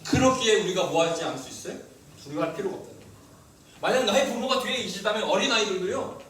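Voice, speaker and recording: A male pastor preaching a sermon, lively and asking the congregation questions. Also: high voice, heavy reverb, distant mic, slight background noise, poor audio. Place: church hall.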